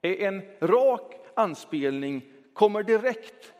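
A man preaching from the front of a church, his voice sitting fairly high for a man. His long reverberant echo trails through the hall as he moves between brisk, talky stretches and slow, weighted words. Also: highs cut off. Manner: reflective, lively shifts between quick talk and slow emphasis. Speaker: pastor. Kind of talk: sermon.

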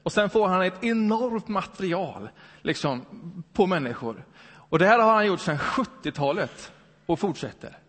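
A man preaching a Sunday sermon in a conversational way, full of rhetorical questions. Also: sits high. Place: church hall. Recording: long hall reverb.

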